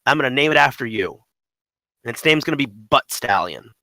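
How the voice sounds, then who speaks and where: A man's voice: mid-range voice, animated, brisk, very noisy, close to an everyday voice. A man voicing a smug male corporate villain who mockingly taunts the listener in a raised, sing-song tone. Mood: gloating.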